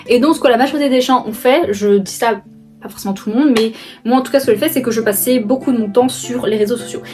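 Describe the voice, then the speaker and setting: A young woman casually chatting to camera in a vlog, rambling with lots of fillers and restarts, laughing often. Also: a little high. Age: young adult. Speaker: book vlogger. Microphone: phone camera.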